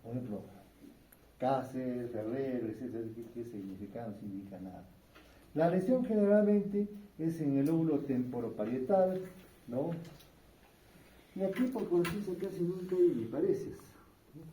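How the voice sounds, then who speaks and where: A man's voice: a little high, expressive, normal speed, warm tone, far from the mic, slight background noise. Man lecturing in an echoey room. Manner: conversational, frequent tag questions. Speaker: neurology lecturer. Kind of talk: medical lecture. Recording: echoey room, speaker away from mic, faint ambience.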